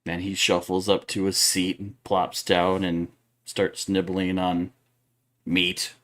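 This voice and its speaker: A man describing his character's actions during an online tabletop role-playing game, in slow, drawn-out narration. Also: low-pitched, completely flat delivery, fairly bright tone. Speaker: player.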